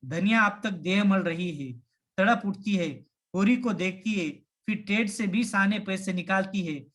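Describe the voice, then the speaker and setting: High-voiced man explaining a play. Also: measured pace, a bit bright. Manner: reads dialogue lines aloud between explanations. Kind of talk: reading and explaining a Hindi play.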